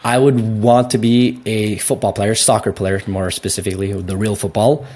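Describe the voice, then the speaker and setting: A young Canadian man answering interview questions in a casual, animated way, laughing easily and often restarting his sentences. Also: lowish voice, normal speed. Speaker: guest.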